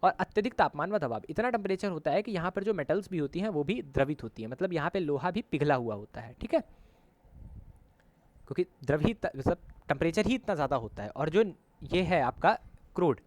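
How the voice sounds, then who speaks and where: Male tutor, slightly high voice, patient diagram lesson, frequent check-ins and self-corrections. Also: lively intonation, a little fast, darkish tone, dry recording. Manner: repeats "ठीक है" often as a check-in; corrects himself mid-sentence. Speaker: teacher. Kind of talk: classroom lesson explaining with diagrams.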